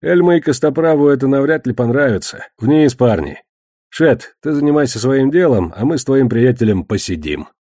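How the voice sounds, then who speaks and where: A man reading an audiobook, voicing a menacing male moneylender who mocks and commands loudly. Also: medium pitch, expressive, normal speed, dry recording, clean studio sound, lightly acted. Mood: mocking. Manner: loud, mocking, commanding.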